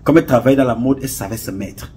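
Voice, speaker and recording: Talking in rapid-fire fashion with a warm, medium-pitched voice, an online commentator with a Cameroonian French accent gives a passionate, preachy monologue that rambles and circles back on itself. A faint hiss or hum runs under the recording.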